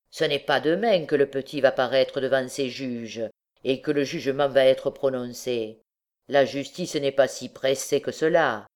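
A woman voicing a coarse, scheming male bandit who taunts his wife in a lowered, gruff voice. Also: a little mellow.

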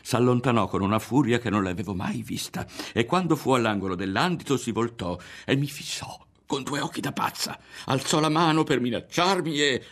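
A man's voice: mid-range voice, lively intonation, fairly quick, hardly any pauses. A man with an Italian accent, an audiobook reader, giving a theatrical literary reading. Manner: theatrical, dramatic, varied delivery.

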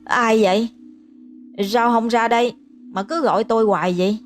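Brief: woman doing a jumpy man near thirty, stammers when scared, higher-pitched voice. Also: fairly even intonation, normal speed, slight background noise, close to an everyday voice. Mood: frightened. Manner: stammering, frightened pleading. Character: jumpy nearly thirty-year-old man, easily scared.

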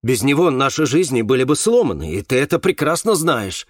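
A man's voice: mid-range voice, sing-song, brisk, no echo, studio quality. A man reading a novel aloud, voicing a stubborn, loyal driver who insists on his point. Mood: insistent.

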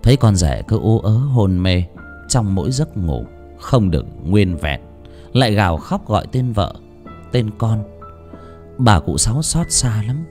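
A man narrating a serialized novel in an expressive, dramatic storytelling manner. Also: fairly low pitch, unhurried. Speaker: audiobook narrator. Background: faint background music.

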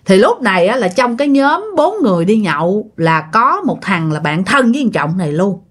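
A woman's voice: medium pitch, sing-song, moderate pace. A woman telling a ghost story casually, chatting directly to her listeners.

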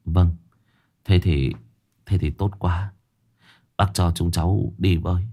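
A man's voice: low voice, steady tone, slow pace, voice pushed down, full character voice. A man voicing a shaken young male reporter who speaks meekly and stammers. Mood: meek relieved. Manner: stammering, quiet and humble.

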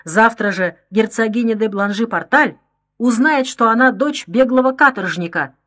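A woman's voice: on the high side, expressive, normal speed. A woman voicing a menacing escaped convict, a grown man, in an audiobook; her tone is mocking and threatening. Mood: enraged. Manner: mocking, then roaring with rage. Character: menacing middle-aged male escaped convict, sneering.

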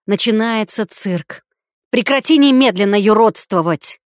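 A woman's voice: medium pitch, moderate pace, no echo, clean studio sound, natural voice. A woman doing a furious, barking brother. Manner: barked commands, roaring. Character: angry grown man, the woman's brother, gruff and commanding.

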